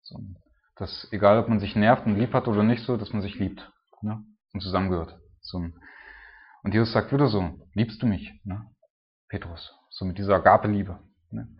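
A man with a fairly low voice preaches in a loose, chatty manner, tagging almost every thought with a questioning "right?". The recording sounds dull and lo-fi. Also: steady tone, moderate pace. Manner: informal, tags nearly every sentence with a questioning "ne?". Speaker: preacher and church planter. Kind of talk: casual conversational preaching.

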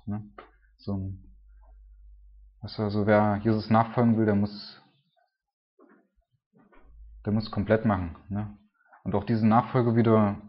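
Loose and chatty, this man preaches informally, tacking a questioning "ne?" (roughly "right?") onto almost every thought. His voice is fairly low. He is a preacher and church planter speaking in a casual conversational style, captured on a dull, lo-fi recording.

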